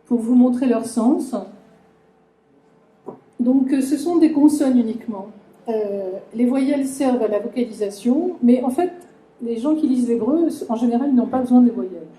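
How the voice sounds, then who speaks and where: Woman lecturer, dark mellow voice, halting talk to a live audience, roomy echo. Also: on the high side. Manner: hesitant, many fillers and restarts, addresses audience directly. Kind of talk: conference talk explaining a language. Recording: echoey lecture room.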